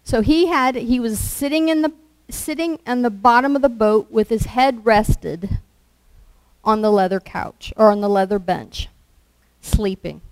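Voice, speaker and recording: A woman preaching a sermon, telling the story in a slow, conversational way and acting out quoted lines. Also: a little high, a little mellow, clear, resonant tone, dry recording, rough recording.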